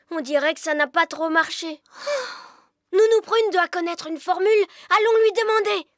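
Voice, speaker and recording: A woman's voice: extremely high pitch, measured pace, a bit bright, no room sound, studio quality. A woman voicing an earnest, cautious young elf boy with a boyish, hesitant delivery in a French children's cartoon. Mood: alarmed. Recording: children's music behind the voice.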